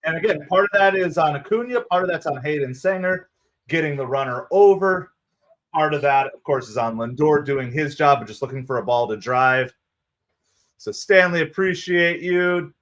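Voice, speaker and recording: Brief: male livestream host with a New Jersey accent, slightly high voice, excitable casual play-by-play, chats with his viewers. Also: moderate pace. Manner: excitable, chatty, thanks viewers by name. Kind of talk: live play-by-play fan commentary. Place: home streaming setup with green screen.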